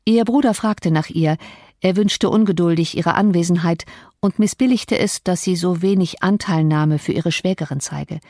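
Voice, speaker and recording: A woman narrating a classic novel as an audiobook, in measured, even storytelling. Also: fairly low pitch, no echo, studio quality. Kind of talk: scripted literary narration.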